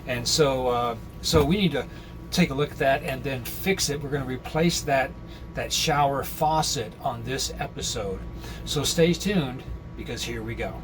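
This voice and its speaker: A man hosting a casual how-to vlog from inside a small trailer, talking viewers through a repair in a folksy, halting way. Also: medium pitch, over music. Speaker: host of an RV living how-to vlog. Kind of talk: casual DIY tutorial. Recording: clear background noise, location sound.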